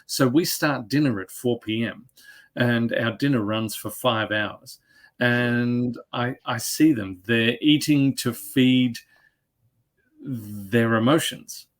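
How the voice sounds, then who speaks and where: A man's voice: medium pitch, slow. A man with an Australian accent, hosting an interview on a video call, earnest and repeating words for emphasis. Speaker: interview host, head chef. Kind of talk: conversational interview.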